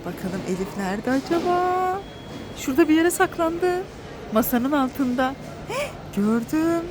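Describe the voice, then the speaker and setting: A mother filming a family vlog with her children around a car, talking in an animated, excitable way and shouting urgently during pretend chase games. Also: high voice, a little slow, noisy background. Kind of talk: family vlog play-acting with kids.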